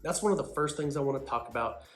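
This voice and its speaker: A man's voice: fairly high pitch, lively intonation, quick pace, a bit bright, faint music behind. A man with an Oklahoma accent, casually narrating a screen walkthrough in a folksy, chatty way. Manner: folksy, chatty, says y'all. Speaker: cruise vlogger.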